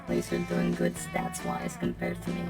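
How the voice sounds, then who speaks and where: A woman talking through a deep voice changer as a prim, inquisitive male robot, gravelly and low, his stiff and overly polite phrasing swinging widely in pitch. Loud guitar music plays steadily behind the voice changer's rumble. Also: wildly swooping pitch, normal speed, exaggerated voice. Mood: joking. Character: formal, curious male robot studying organic life. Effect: voice changer pitching the voice far down. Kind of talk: reading game dialogue aloud with a friend.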